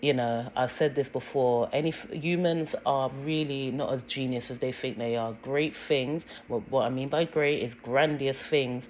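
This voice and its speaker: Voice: medium pitch, moderate pace, hardly any pauses, a little mellow, a little hiss or hum, rough recording. A speaker with a British accent giving earnest, insistent commentary over a music video, with frequent ums and repeated words.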